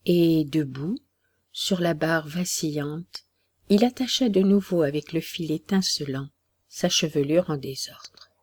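A narrator reading a classic storybook tale at a slow, measured pace. The voice sits mid-pitch for its kind. The sound is dry and close, with no room around it. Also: dry recording.

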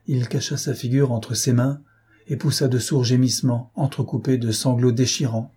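A man reading a novel aloud in measured, scripted narration. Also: medium pitch, steady tone, warm tone, slightly rough. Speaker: audiobook reader.

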